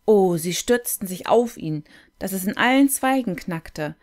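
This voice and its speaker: A woman reading a classic fairy tale aloud. Her delivery is gentle, unhurried and contemplative. It suits a quiet storybook reading. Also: mid-range voice, animated.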